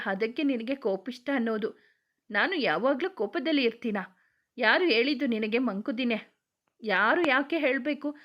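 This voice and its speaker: A woman's voice: fairly high pitch, dull audio. A woman narrating a romance story, voicing every character herself with emotional, chatty delivery. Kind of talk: dramatic romance story reading.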